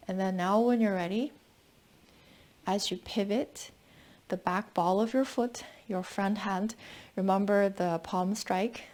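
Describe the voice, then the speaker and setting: A woman with a medium-pitched, slightly mellow voice leads a tai chi lesson. She explains while demonstrating, guiding the listener through each movement with step-by-step cues.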